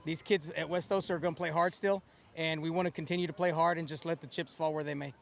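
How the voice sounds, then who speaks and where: A man with an American accent, a football coach answering in a sideline interview, haltingly and repeating words. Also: fairly high pitch, steady tone, gravelly.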